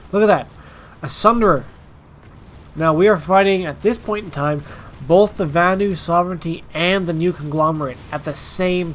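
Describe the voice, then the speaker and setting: A man's voice: on the high side, slight background noise. A man with a congested, stuffed-up nasal voice from allergies, hosting informal, emphatic gameplay commentary straight to his viewers. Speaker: gaming video host.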